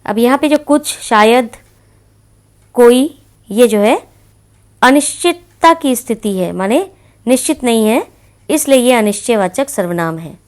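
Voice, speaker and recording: A woman's voice: on the high side, expressive. Woman teaching a grammar lesson. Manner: patient, explaining slowly with repeated examples. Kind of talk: classroom-style grammar lesson.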